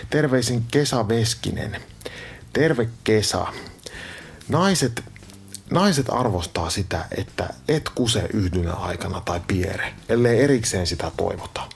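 A man hosting a comedic radio advice segment, answering listener questions in a dry, matter-of-fact way with soft whispered asides. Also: lowish voice, vocal fry, a little hiss or hum. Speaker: advice show host. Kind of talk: deadpan comedic advice monologue.

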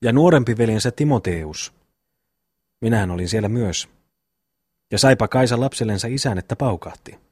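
A man reading an audiobook, voicing a slow, rambling simple-minded peasant brother in a folksy way. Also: mid-range voice, expressive, darkish tone, breathy edge, no room sound, clean studio sound. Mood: musing. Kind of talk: audiobook reading of a classic novel.

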